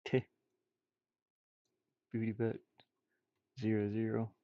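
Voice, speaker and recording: A man with a lowish, warm, monotone voice streams casually while drawing, talking slowly and muttering his thoughts in folksy, informal speech. He's a streamer and hobby artist, and the recording is dry with the highs cut off.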